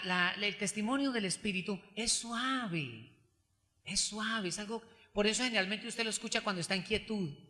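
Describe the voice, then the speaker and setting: A man preaching with a high, piercingly bright voice. He dramatizes everyday complaints in quoted voices and slows to a loud, measured delivery for scripture. The sound rings with the long reverb of a church hall. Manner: expressive preaching, acts out quoted voices, reads scripture loudly and slowly. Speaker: pastor. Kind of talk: sermon.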